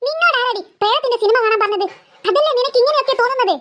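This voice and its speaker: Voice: very high-pitched, very fast, a bit bright, lo-fi sound. A performer voicing an impatient mother who scolds and threatens her daughter. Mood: scolding. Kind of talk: cartoon voice acting.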